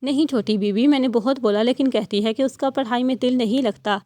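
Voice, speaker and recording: A man's voice: very high voice, darkish tone, dry recording. A woman voicing an older male family driver who speaks humbly and fretfully. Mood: worried. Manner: respectful, fretful.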